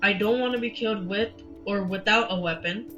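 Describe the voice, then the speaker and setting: A boastful demon king, full of himself, as a man reading the story puts him on. The voice is bright and forward. The sound is slightly dull and lo-fi, with faint music behind. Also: sits high, a little fast. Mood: demanding.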